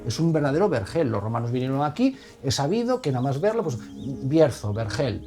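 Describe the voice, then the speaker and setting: A man's voice: mid-range voice, sing-song, fairly quick, music in the background. A man speaking informally and spontaneously as an interviewee.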